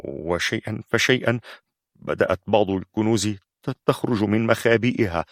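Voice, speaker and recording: A man reading a novel aloud in a measured storytelling manner. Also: lowish voice, dry recording, studio quality. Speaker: narrator. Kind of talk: scripted audiobook narration.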